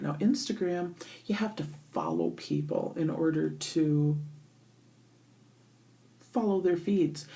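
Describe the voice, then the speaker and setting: A middle-aged woman giving a casual, halting chit-chat to camera, recorded in an echoey bathroom. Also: sits low, gravelly, warm tone. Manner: hesitant, halting, thinking aloud. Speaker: vlogger. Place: indoors, in a bathroom.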